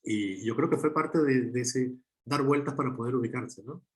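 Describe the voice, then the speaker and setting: A middle-aged man, a filmmaker and guest, talks reflectively in an interview, pausing often and restarting his phrases. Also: medium pitch. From Chile. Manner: halting, many restarts and fillers.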